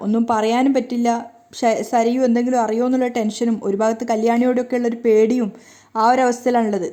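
A woman retells a serial's plot in a quick, chatty storytelling manner. Her voice is slightly high but mellow and dark-toned, and the words rush out at a rapid clip. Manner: brisk, conversational storytelling. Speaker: serial recap narrator.

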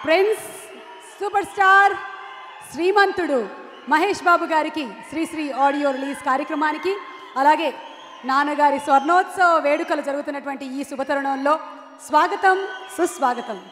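A man imitating a shrill female event anchor, exclaiming welcomes. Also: normal speed, bright, forceful tone. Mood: exultant. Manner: announcing, exclaiming. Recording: distant hall reverb, faint noise.

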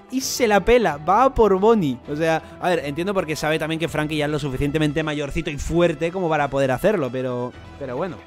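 A young man with a Spain Spanish accent giving an animated manga reaction commentary, swearing and shouting in excited bursts. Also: on the high side.

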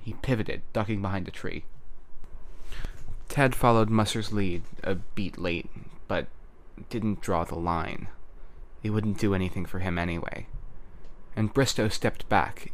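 Low-voiced male audiobook narrator. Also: normal speed, slight background noise. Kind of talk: scripted narration.

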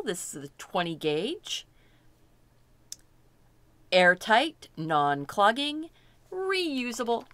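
In a mid-range, slightly bright voice, with some background noise, a middle-aged woman teaches a painting lesson step by step. The art instructor chats and thinks aloud as she works, pleased by how her results turn out.

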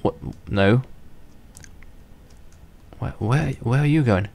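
A young man hosting a gaming channel speaks slowly in a gravelly, darkish voice of medium pitch, a little worn from illness. His commentary on the game is casual and rambling, with restarted sentences and private chuckles. Faint background music accompanies him.

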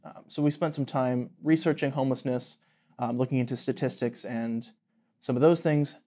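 A man's voice: medium pitch, steady tone, moderate pace, warm tone. A young man in his twenties from Pennsylvania, a student guest explaining a project earnestly in an interview. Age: 20s. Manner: earnest and explanatory, with some fillers. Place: bright office room with large windows.

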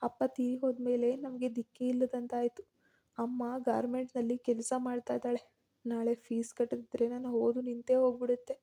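A desperate young woman begging for understanding, as a woman narrator voices her. She pleads in an even, mellow voice, fairly high in pitch. It comes from a spoken audio story. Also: normal speed. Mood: pleading. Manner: pleading, trembling.

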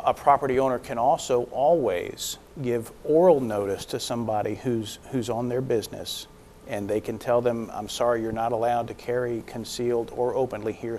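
A man's voice: mid-range voice, a little mellow, slight background noise. A middle-aged man speaking as a district attorney, explaining methodically in a public service announcement. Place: small indoor studio. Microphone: lapel mic.

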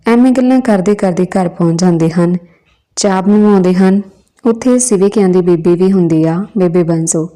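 A woman narrating a village story in a steady, plain way. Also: medium pitch, moderate pace.

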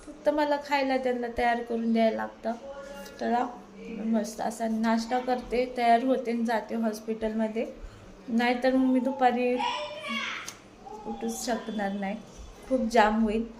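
A middle-aged woman chats informally for a home cooking vlog, hoarse from a sore throat, her voice giving out. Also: on the high side, fairly even intonation, unhurried, a little hiss or hum. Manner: chatty, repetitive, informal. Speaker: homemaker video blogger. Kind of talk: casual cooking vlog chat. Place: home kitchen.

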